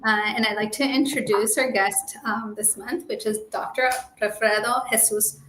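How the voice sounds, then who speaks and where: A woman's voice: on the high side, steady tone, moderate pace, a bit bright. Woman host in an echoey, noisy room. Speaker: webinar host. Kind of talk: webinar interview. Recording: echoey room with background noise.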